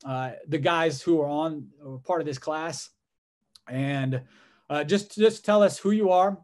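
A man's voice: on the high side, measured pace. A man in his thirties hosting a coaching network launch on a video call from home, talking casually with many fillers and restarts. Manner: rambling, filler-heavy, gestures a lot. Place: home room indoors. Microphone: video call webcam.

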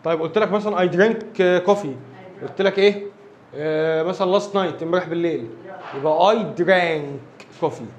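A man with an Egyptian Arabic accent teaches an English grammar lesson, explaining each rule step by step. He talks fast in a fairly high voice. He keeps asking short questions to make sure his students are following. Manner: explains step by step, often checking understanding with quick questions.

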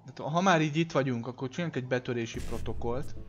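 A gamer streams his playthrough with casual let's play commentary, thinking aloud, chatting to viewers and swearing when he slips up. His voice is medium in pitch, with faint music behind him.

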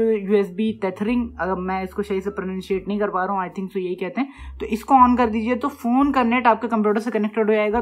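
A man hosting a casual, step-by-step tech tutorial, explaining in a chatty way and often checking in with viewers. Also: high voice. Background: faint music playing from his phone.

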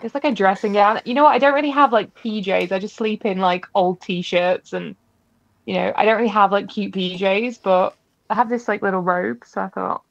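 A woman's voice: mid-range voice, moderate pace, vocal fry, no room sound. A woman who is a guest YouTuber chatting casually on a live stream, playful and teasing. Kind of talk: casual chat. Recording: dull lo-fi audio.

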